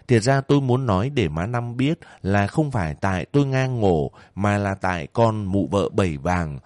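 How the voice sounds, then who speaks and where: A man narrating a first-person novel as an audiobook in a calm, steady manner. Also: on the low side, no echo.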